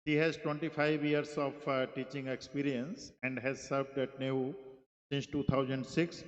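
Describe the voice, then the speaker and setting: A middle-aged man with an Indian English accent, chairing a conference session and introducing speakers formally, with halting speech and many fillers. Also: medium pitch, flat delivery. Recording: muffled echoey hall PA.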